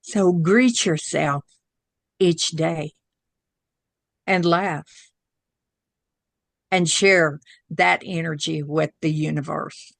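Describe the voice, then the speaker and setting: An older woman voicing serene, benevolent ancestor grandmother spirits in measured, solemn pronouncements. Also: low voice, fairly even intonation, vocal fry, dry recording, exaggerated voice. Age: 60s or older. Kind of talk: channeled spiritual message.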